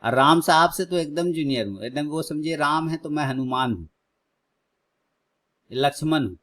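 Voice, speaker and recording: A man's voice: fairly high pitch, moderate pace. Chatty Hindi-speaking man in his thirties. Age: 30s. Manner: excitedly cheers prices on, then chats calmly with viewers. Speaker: live trading stream host. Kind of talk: casual live-stream commentary to viewers.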